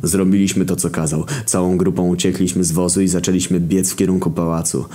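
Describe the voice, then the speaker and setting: A man's voice: deep voice, little pitch movement, quick pace, mellow. A man narrating a crude, mocking comic story, jumping into voices for the characters.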